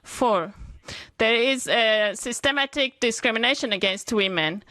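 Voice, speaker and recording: A woman addresses a parliament panel over a video link, speaking slowly and earnestly with many pauses and fillers. Her voice sits a little high and sounds bright. The sound is dry and close. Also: animated, dry recording. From Afghanistan. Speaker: women's rights activist speaker. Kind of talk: formal prepared speech to a parliament panel. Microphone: remote video call connection.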